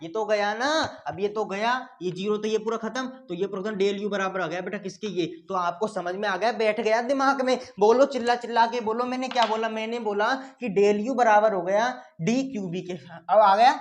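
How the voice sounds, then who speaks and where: A man's voice: high voice, normal speed. Man, teacher, online lesson, repeats lines over and over, call-and-response, speaks for his students too. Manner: answers for his students himself; calls listeners "beta".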